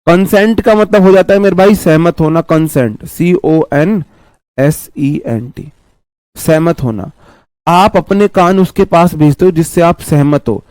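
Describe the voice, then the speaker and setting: A man teaching an online exam-prep vocabulary class through a sore, worn-down throat. His voice sits somewhat high for a man and comes across close and dry. He chats along casually, repeating points and calling his students brother. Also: normal speed, a little mellow, clear, resonant tone, dry recording. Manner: chatty, repeats himself, calls students "bhai". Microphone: mic placed close.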